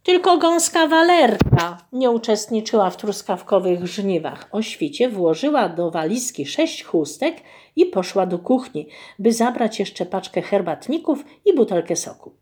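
In a mid-range voice, a woman reads a children's story aloud, gently and expressively, at a slightly slow pace.

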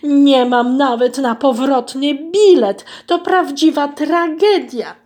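A woman voicing a fussy, dramatic female goose in a children's story, high-strung and quick to lament. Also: very animated, warm tone. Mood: panicked.

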